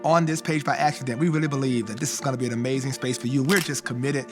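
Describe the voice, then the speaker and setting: A man's voice: mid-range voice, fairly even intonation, very fast, music in the background. A middle-aged man from Louisiana, a pastor co-hosting a casual chat with emphatic, at times sing-song energy. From Shreveport, Louisiana, US. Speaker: pastor and channel co-host.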